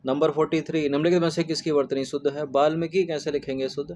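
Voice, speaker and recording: A man works through exam questions one by one, a tutor who keeps repeating each spelling and checking in with listeners as he goes. His voice sits a little higher than most men's. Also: little pitch movement, fast talker, a little mellow. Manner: repetitive, drills spellings with "ठीक है" fillers. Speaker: exam-prep teacher. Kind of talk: explaining test answers.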